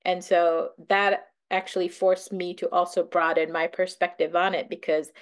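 A woman's voice: fairly low pitch, little pitch movement, normal speed. A woman from Bangladesh sharing her thoughts in a casual book club discussion over a video call. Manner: thoughtful, conversational with filler words.

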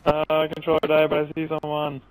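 A young man chatting over a headset while gaming, excitable and swearing, yelling when things go wrong. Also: a little high, a little fast, smooth, no room sound, rough recording. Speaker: gamer in party chat. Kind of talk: casual chat while gaming.

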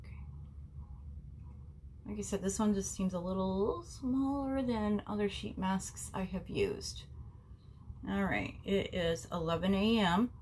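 In this casual skincare review, a woman in her forties with a cold-blocked, nasal voice talks about a face mask indoors in her small bedroom, addressing viewers as family with plenty of ums. Her pitch is medium, her intonation lively and a touch mellow, her pace a little slow with long pauses. A desk-distance camera in front picks her up, along with slight hiss or hum.

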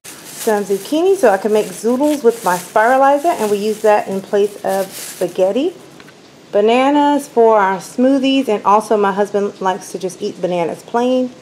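A woman's voice: medium pitch, dark tone, slight background noise, poor audio. Chatty woman doing a grocery haul. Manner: chatty, enthusiastic product rundown. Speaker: vlogger. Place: home kitchen, indoors. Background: rain outside.

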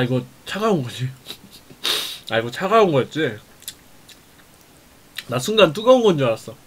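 A man's voice: on the high side, a little hiss or hum. A young man live-streaming a meal, reacting to viewer chat with teasing, laughing remarks and muttering between bites. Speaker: mukbang streamer.

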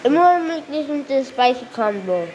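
A woman casually commenting on a cooking game as she plays, thinking aloud in halting bits. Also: sits high, animated, darkish tone, slight background noise, poor audio. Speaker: gameplay commentator.

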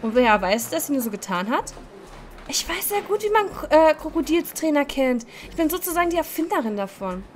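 A woman's voice: high voice, sing-song, fairly quick, a little hiss or hum. A woman hosting a let's-play, reading a dating game aloud and voicing every character, playful and laughing at her own slips.

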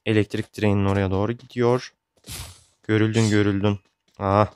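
A man's voice: on the low side, little pitch movement, fairly quick, a little mellow, clear, resonant tone. Chatty young man narrating his gameplay. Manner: chatty, exasperated, joking. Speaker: gaming YouTuber. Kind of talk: casual gameplay commentary.

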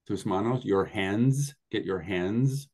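Male class host, low voice, unhurried, patient explainer over video call. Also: darkish tone, slightly rough. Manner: patient, explains slowly, switches between two languages. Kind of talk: online class teaching.

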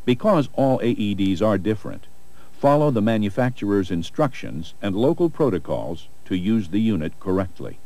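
Mellow, low male instructional narrator. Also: sing-song, normal speed. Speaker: narrator of a first aid training video.

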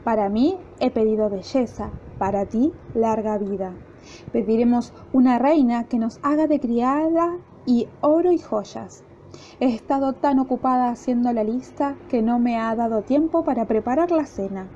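A shrill, scolding wife from a fairy tale, voiced by a woman storyteller with an Argentine accent. She bosses and nags in a high, mellow voice. The recording is muffled with faint background noise. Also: normal speed, close to an everyday voice. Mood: eager. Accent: Argentine Spanish. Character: sharp-tongued, bossy wife.

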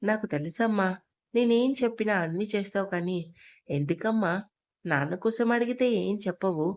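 A woman's voice: mid-range voice, normal speed, a little mellow, lightly acted. A woman voicing a sweet, curious little girl. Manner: questioning, childlike.

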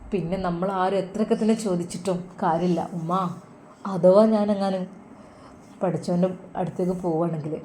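A woman's voice: fairly low pitch, dark tone, slight background noise, close to an everyday voice. A woman voicing a grieving, devout young son who speaks earnestly to his mother. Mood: pleading. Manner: earnest, pleading, sorrowful.

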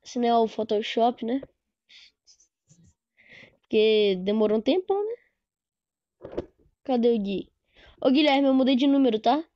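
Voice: medium pitch, unhurried, long pauses, dry recording, lo-fi sound. A gaming streamer from Brazil, chatting casually and slangily while reacting to a video. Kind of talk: casual chat over gameplay.

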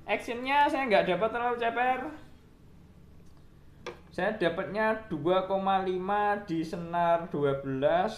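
Relaxed man explaining guitar repairs. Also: high voice, slow pace, roomy sound. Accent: Indonesian, East Javanese. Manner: relaxed and explanatory, counting frets aloud, many fillers. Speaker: guitar repair shop owner. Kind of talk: casual workshop demo talk.

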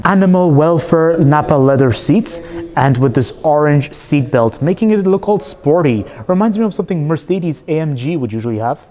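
A man's voice: fairly high pitch, darkish tone. A man giving a casual, candid car review walkthrough, chatty with frequent fillers.

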